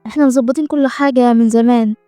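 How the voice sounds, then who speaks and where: A woman's voice: a little high, fairly even intonation, rapid-fire, warm tone, clear, resonant tone, dry recording, studio quality, faint music behind, lightly acted. A woman voicing a sly, pushy middle-aged male business client who talks in a smarmy, mocking way with an Egyptian Arabic accent. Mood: sleazy.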